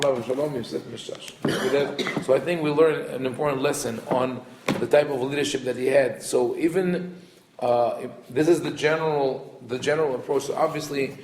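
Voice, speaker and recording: A man's voice: mid-range voice, darkish tone, slight background noise. A man, a rabbi, giving an informal Torah lesson, talking conversationally with many restarts and quoting Hebrew texts before translating them. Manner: conversational, restarts often, reads Hebrew quotes quickly then translates. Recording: echoey room.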